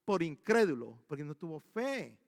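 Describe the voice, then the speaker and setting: A man voicing a stern old male prophet who gives loud commands, in a long-reverberating church hall. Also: fairly high pitch, very animated, moderate pace, vocal fry, clean studio sound, voice pushed down. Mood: angry.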